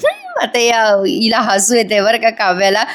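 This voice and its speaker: A chatty woman recaps a TV episode in a casual voice-over, talking straight to her viewers and laughing along. Her voice sits fairly high. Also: huge pitch swings, moderate pace. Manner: chatty, addresses viewers directly, laughs often. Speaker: TV serial reviewer.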